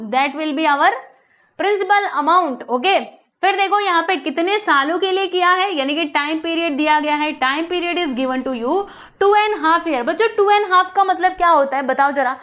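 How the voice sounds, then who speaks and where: A young woman with a high voice walks students through a math lesson. She talks in a chatty, coaxing way and keeps asking questions. She switches easily between explaining and English math terms. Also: pushed and bright. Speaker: math teacher.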